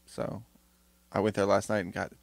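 Young man, gravelly, dry close sound, casual storytelling chat, acts out voices. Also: on the low side, normal speed, no room sound. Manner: animated storyteller, acts out dialogue.

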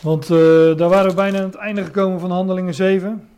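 A man's voice: sits high, fairly even intonation, fast, a little mellow, clear, resonant tone. A man teaching from the Bible in a sermon, reading passages aloud and then explaining them with frequent hesitations. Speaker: preacher.

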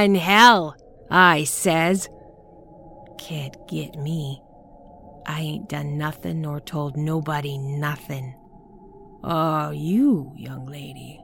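A woman voicing a frantic, half-mad old woman who speaks in a rustic old-timer dialect and swings between shouting and hoarse whispers. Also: low voice, a little hiss or hum, pitched below the performer's own voice, exaggerated voice.

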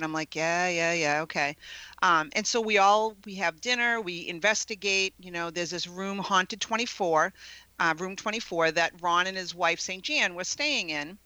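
A woman tells a ghost story as an interview guest, lively and chatty, peppering it with "you know" and "right?". Her voice is bright and a little sharp. The sound is dry and close. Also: fairly low pitch, clear, resonant tone, no echo, low-quality recording. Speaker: paranormal investigator guest. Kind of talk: animated anecdote telling.

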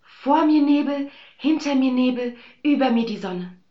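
A woman voicing a gentle young fairy-tale heroine with a high, plaintive voice. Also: normal speed, roomy sound, lo-fi sound, natural voice. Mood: hushed.

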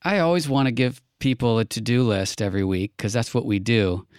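Smooth-voiced man hosting a chat. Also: mid-range voice, fairly quick, no echo, studio quality. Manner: earnest, with thinking fillers. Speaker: podcast host. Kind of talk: casual political chat.

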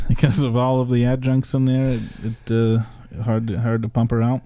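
A man's voice: mid-range voice, monotone, normal speed, dark tone. A man hosting a casual podcast from his basement home studio, upbeat and chatty, often restarting his sentences. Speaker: podcast host. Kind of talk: casual chat.

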